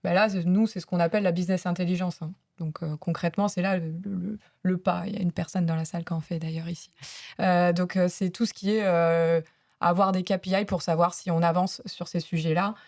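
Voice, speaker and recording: Low-voiced woman explaining casually. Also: steady tone, a little fast, gravelly, a little mellow. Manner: chatty, many fillers, laughs at herself. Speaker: panelist at a business talk. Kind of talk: casual spoken explanation to an audience.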